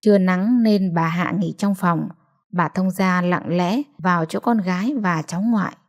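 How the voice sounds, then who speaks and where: Brief: female storyteller, measured and even, audiobook reading. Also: fairly low pitch. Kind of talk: scripted narration.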